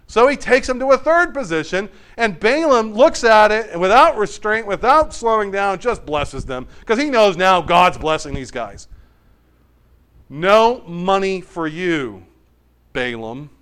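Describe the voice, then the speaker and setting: Man, high voice, animated storytelling preacher who acts out the voices. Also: moderate pace, few pauses, smooth. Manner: storytelling, acts out the characters' lines; animated, swings between loud and quiet. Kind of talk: sermon.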